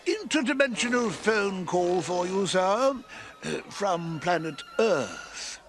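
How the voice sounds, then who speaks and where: A polite bellhop's paging announcement. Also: male voice, sits high, expressive, takes it slowly. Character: male bellhop paging a guest. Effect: soft paging announcement. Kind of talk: cartoon voice acting.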